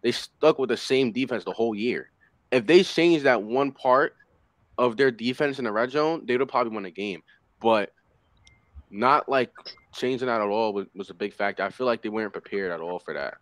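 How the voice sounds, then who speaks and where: This is a young man on a headset during a video call, serving as a panelist in a casual sports chat. His medium-pitched voice moves at a moderate pace on a dry recording as he rambles about football with plenty of fillers.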